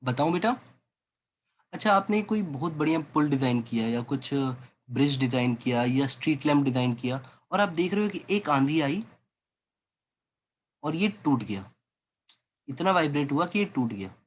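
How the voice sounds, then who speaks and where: A man's voice: a little high, lively intonation, moderate pace, long pauses. A man teaching physics in a lecture, coaxing students along and voicing their doubts as questions. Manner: coaxing, voices student doubts, calls listener beta. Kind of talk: classroom lecture.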